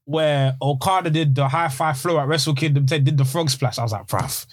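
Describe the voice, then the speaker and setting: A man's voice: a little high, brisk. A man with a London roadman accent chatting casually and giving emphatic, slangy opinions as a podcast panellist. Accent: London roadman, multicultural London English. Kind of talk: casual chat, opinionated storytelling.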